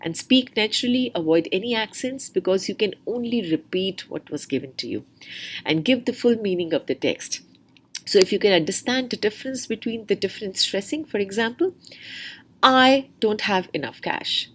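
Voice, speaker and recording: A woman's voice: mid-range voice, expressive, a little fast, husky. Woman tutor explaining exam speaking tips. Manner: explains step by step, models stressed words in example sentences. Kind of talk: spoken lesson with exam tips.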